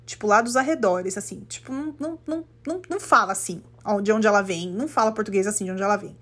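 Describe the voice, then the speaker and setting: A woman from Brazil hosting a podcast, telling a story in a casual, animated and indignant way and acting out the quotes. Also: medium pitch, fast. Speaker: podcast host. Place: living in the United States.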